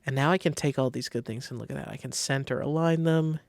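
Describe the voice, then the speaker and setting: In this casual screen-recorded tutorial, the host works through design software and talks his thoughts out in an easygoing style. His creaky, gravelly, mid-range voice moves at a quick pace, and the recording is close and dry with barely any room.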